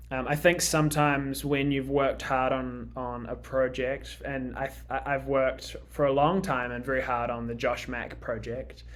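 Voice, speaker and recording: A young Kiwi man with a medium-pitched voice chats casually as a musician guest on a radio interview. He sounds hesitant, pausing often with lots of ums and restarts.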